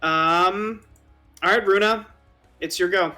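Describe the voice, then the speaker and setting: A young man as game master, narrating a tabletop game in an animated, casual way. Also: sits high, slow, soft background music.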